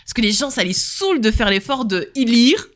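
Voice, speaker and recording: A woman in her thirties from Lorraine with a Lorraine French accent, co-hosting a podcast in casual chat and telling stories in a lively, animated way. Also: a little high, a little fast. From Lorraine, France. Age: 30s. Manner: lively, animated storyteller who laughs often. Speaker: podcast co-host.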